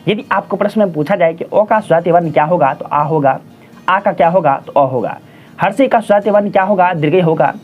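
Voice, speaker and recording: A teacher talks through a grammar lesson at a steady middle pitch, repeating definitions and asking questions aloud before answering them. The recording sounds dull and lo-fi, with faint music underneath. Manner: patient, repeats each definition, asks and answers its own questions; addresses listeners as friends and children. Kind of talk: classroom-style grammar lesson.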